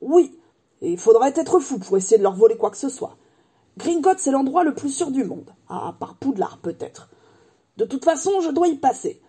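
A woman's voice: high-pitched, big pitch swings, normal speed, warm tone, pitched above the performer's own voice. A woman reading a storybook aloud and voicing a big, proud, grumbling male giant in a raised, blunt voice. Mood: hearty.

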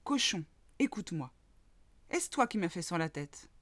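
A woman's voice: very animated, moderate pace, fairly bright tone. A woman voicing an indignant little female mole in a children's storybook reading, grumbling and demanding answers. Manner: shrill, complaining, demanding.

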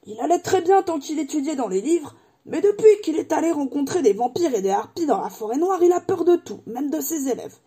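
A woman's voice: high-pitched, expressive, a little fast, dark tone, pitched above the performer's own voice. A woman playing a hearty, friendly giant. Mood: cheerful. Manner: hearty and chatty. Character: jovial giant man, big and friendly.

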